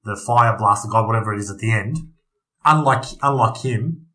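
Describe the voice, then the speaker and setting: A man chatting casually as a gaming podcast co-host. His voice is bright and forceful, and he rambles, restarts and retells the story as he goes. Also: on the low side, brisk. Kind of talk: casual chat.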